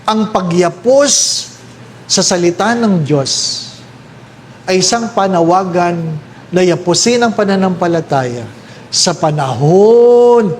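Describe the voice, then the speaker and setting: Filipino man, priest, slow lively talk, high voice, faint background hiss. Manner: animated storytelling with high-pitched voices for characters.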